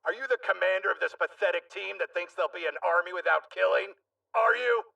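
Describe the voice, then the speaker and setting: A man's voice: high voice, brisk, gravelly, sharp tone, distant mic, dull audio, heavily acted. An actor playing a ruthless veteran soldier who taunts his enemies with menacing scorn, in an anime dub. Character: ruthless battle-hardened male veteran soldier, sneering. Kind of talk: anime English dub acting.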